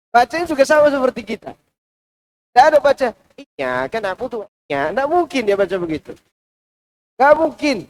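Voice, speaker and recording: A man with a fairly high voice preaches to a mosque congregation. His delivery is animated, swinging from loud, emphatic lines to soft, hushed asides as he teaches. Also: low-quality recording. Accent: Indonesian. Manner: lively, shifting between loud and hushed delivery. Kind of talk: Quran commentary lecture. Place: large mosque.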